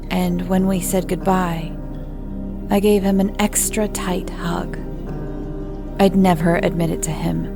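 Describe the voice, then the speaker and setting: Casting: female horror narrator, very slow, lowish pitch, music underneath. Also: vocal fry. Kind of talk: scripted horror story narration.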